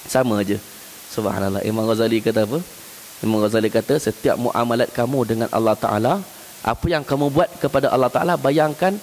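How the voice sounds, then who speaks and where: A man's voice: medium pitch, darkish tone. A man with a Malaysian Malay accent giving an evening mosque lecture as a religious teacher. He tells stories, acts out everyday scenes with small chuckles, and his voice climbs sharply when he drives a point home. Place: mosque prayer hall. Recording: reverberant hall with faint hiss.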